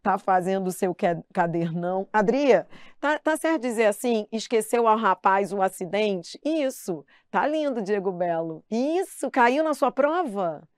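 At a measured pace, a middle-aged woman with a mid-range voice and a Brazilian Portuguese accent conducts a live online grammar lesson. She chats lively and playfully imitates her students, in studio-quality audio free of room sound.

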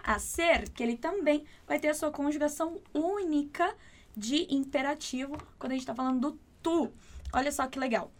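A high-voiced woman teaches an online Spanish lesson. She explains patiently and repeats each word slowly and clearly.

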